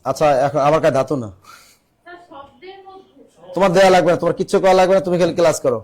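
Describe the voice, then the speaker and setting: A man's voice: on the high side, fast talker, a little mellow. A male teacher giving a classroom lecture, repeating key phrases and quizzing his students. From Bangladesh.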